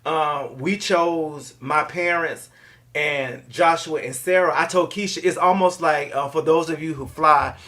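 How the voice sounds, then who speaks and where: Middle-aged man, live-stream host, chatty and upbeat, slightly high voice. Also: measured pace, sharp tone. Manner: upbeat, chatty, loose with fillers.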